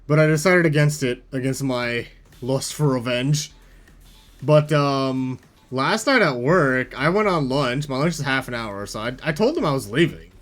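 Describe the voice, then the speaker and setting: A man's voice: medium pitch, lively intonation, normal speed, fairly bright tone. A man telling a casual story, rambling, packing his speech with "like" and swearing freely. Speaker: VTuber telling a work story.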